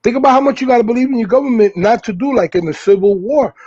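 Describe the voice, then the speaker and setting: A man's voice: very high voice, fast, a little mellow, breathy edge, highs cut off. A man from the US Northeast, the host, talking loosely in casual chat, full of fillers and restarts. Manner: rambling, many fillers and restarts.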